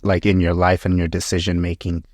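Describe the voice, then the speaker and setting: A young man in his twenties hosting a podcast, his low voice jumping around as he tells stories full of slang. The sound is dry and close, with no room in it. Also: brisk, no room sound. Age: 20s. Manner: animated storytelling, lots of "like" and slang. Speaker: podcast host. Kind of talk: casual podcast conversation.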